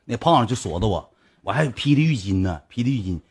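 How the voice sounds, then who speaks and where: A young man with a Northeastern Mandarin accent telling a personal anecdote casually, swinging from low mumbles to high excited bursts. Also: fast, breathy edge. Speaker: storyteller.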